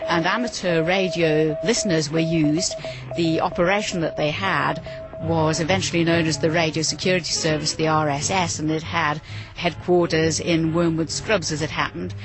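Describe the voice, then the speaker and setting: A woman explaining history in a measured, explanatory way in a documentary interview. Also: low voice.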